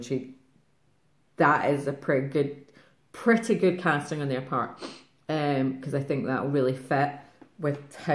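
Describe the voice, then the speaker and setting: Scottish lady nattering fast to camera, lots of laughs, echoey room at home. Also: very deep voice. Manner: rambling, fast-talking, laughs often. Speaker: craft vlogger. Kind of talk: casual chat to camera. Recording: roomy echo.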